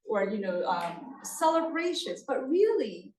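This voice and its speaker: A woman's voice: a little high, sing-song, a little slow, darkish tone. Woman presenting in a roomy hall. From Thailand. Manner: engaging, often checks in with the audience. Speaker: presenter at a community meeting. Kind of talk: conversational presentation. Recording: roomy sound from a distant mic.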